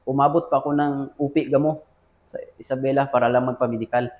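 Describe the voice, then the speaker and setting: A man's voice: mid-range voice, fairly even intonation, fast talker, darkish tone, highs cut off. Filipino army officer telling his story. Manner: addresses listener as sir often, quotes dialogue. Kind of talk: casual interview storytelling.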